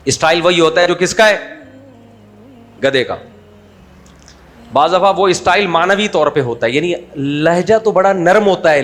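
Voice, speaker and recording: A man's voice: on the high side, fairly bright tone. A middle-aged man with a Pakistani Urdu accent giving a humorous religious talk, conversational, with mocking asides. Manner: conversational, mocking asides, acts out quoted voices. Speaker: Islamic scholar giving a talk.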